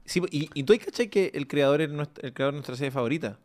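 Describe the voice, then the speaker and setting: Young Chilean co-host, rapid and emphatic, joking in slang. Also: male voice, on the high side, expressive, a little mellow. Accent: Chilean Spanish. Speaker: podcast co-host. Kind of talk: casual chat.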